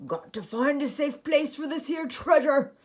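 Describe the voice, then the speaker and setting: A woman reading a storybook and voicing a hearty male pirate captain who bellows in drawn-out pirate talk. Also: high-pitched, animated, pitched above the performer's own voice. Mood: jovial.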